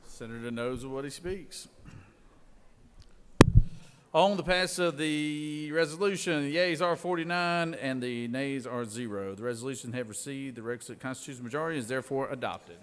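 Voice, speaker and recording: A man presiding over a legislature, moving through formal procedure with informal, drawn-out phrasing. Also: medium pitch, very noisy. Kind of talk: formal parliamentary procedure with offhand asides. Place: large indoor Senate chamber. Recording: echoey legislative chamber, long reverb.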